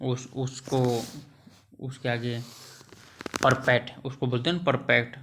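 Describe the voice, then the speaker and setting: A man's voice: mid-range voice, level tone, noisy background. A male teacher, reading a story aloud and translating it line by line, patient and repetitive with frequent checking asides. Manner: slow and patient, repeats each phrase, many checking asides. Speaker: English teacher.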